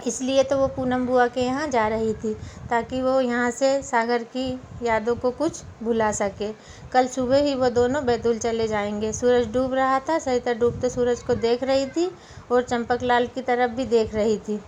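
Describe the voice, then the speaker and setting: A woman storyteller reading a novel aloud in a steady, plain manner. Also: on the high side, unhurried, a little hiss or hum.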